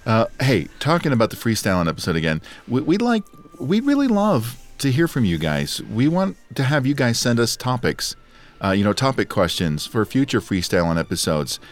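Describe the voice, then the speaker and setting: His mid-range voice swings hugely in pitch at normal speed, roughened and dried out by allergies. The man is a podcast co-host in relaxed conversation, joking around and laughing a lot.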